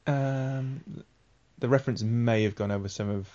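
A man's voice: medium pitch, steady tone, moderate pace, dark tone, highs cut off. A man hosting a casual podcast chat, patiently explaining the backstory of a comic series. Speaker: podcast host.

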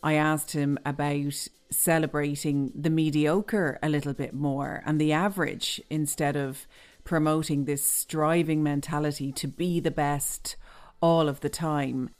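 A woman hosting an interview podcast, introducing her guest in a clear, measured way before asking questions. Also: low voice, flat delivery, darkish tone. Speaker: podcast host. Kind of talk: scripted introduction then interview.

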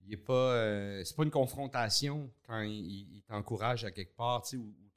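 A man with a Quebec French accent, a guest comedian chatting in a relaxed way and often agreeing. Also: on the low side, moderate pace. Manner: relaxed, agrees often, short back-channel replies. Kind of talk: casual conversation.

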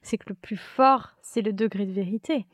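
A woman host speaks at a middle pitch, thoughtful and earnest, with a light, teasing touch now and then. The sound is close and dry. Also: normal speed, no room sound. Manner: reflective, earnest, playful asides. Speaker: podcast host. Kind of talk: conversational interview.

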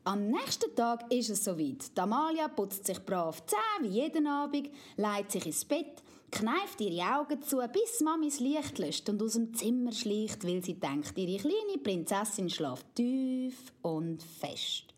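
A woman with a Swiss German accent reads a children's story in a high, animated voice. Her pitch swings widely and playfully from phrase to phrase. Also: measured pace. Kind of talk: storybook reading.

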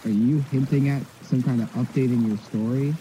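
A man hosting a pirate role-play chat in character, with a very dark, mellow tone. He jokes around with playful mock indignation. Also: mid-range voice, fairly even intonation, a little fast, a little hiss or hum, low-quality recording. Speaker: host.

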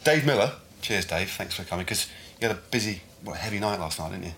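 Male English presenter, deep and rapid, casual and jokey, faint noise behind. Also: animated, fairly bright tone. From England. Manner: jokey, rambling. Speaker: host, cycling commentator. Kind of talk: casual chat show hosting.

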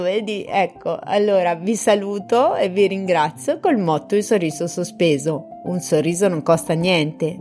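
Chatty woman podcaster over soft music. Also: medium pitch. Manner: chatty, informal, affectionate toward listeners. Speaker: podcast host. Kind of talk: casual solo podcast monologue.

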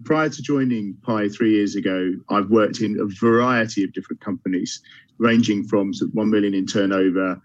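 A man's voice: lowish voice, moderate pace, no echo. A man, a finance director, cheerfully introducing himself on a panel with a few restarts. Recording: dry, dull video call audio.

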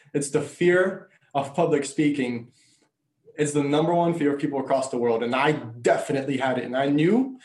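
A man's voice: fairly high pitch, a little mellow. Man born in Bulgaria, Bulgarian first language, earnest interview guest, echoey room. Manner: earnest storytelling. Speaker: guest, coach and speaker. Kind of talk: conversational interview.

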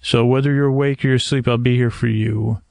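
On a screened porch at night, a creaky-voiced podcast host drifts through a rambling, soothing monologue to help listeners fall asleep. His medium-pitched voice stays steady, with no echo, as he talks hesitantly and meanderingly in a measured, gently self-mocking way.

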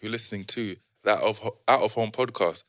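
A man with a London roadman accent hosts in a casual, halting way, often doubling back on his words. His voice sits on the low side and sounds dry and close. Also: no echo. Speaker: podcast host. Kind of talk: casual podcast introduction.

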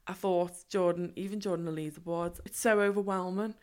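A woman's voice: on the low side, steady tone, a little fast, a little mellow. A young woman from Liverpool with a Liverpool accent, co-hosting a podcast in enthusiastic casual chat. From Liverpool, England. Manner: enthusiastic, laughs often. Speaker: podcast co-host.

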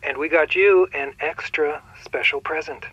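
A man's voice: fairly high pitch, a little slow, fairly bright tone, breathy edge, dry recording, dull audio. A man playing a playful young father leaving a recorded message for his daughter.

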